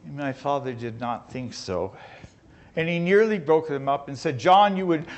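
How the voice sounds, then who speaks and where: A man performing a first-person historical character, telling his story in an animated, wide-eyed way. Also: medium pitch, moderate pace, muffled recording. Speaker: chautauqua performer.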